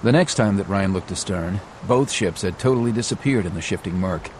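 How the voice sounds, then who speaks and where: A man narrating a scripted adventure audiobook in a measured, dramatic storytelling manner. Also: low voice, darkish tone, slight background noise.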